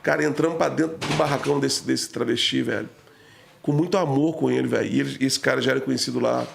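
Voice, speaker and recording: A man's voice: medium pitch, quick pace, gravelly, slight background noise. A man talking as a podcast guest, telling an emotional story in a slangy, casual way full of fillers.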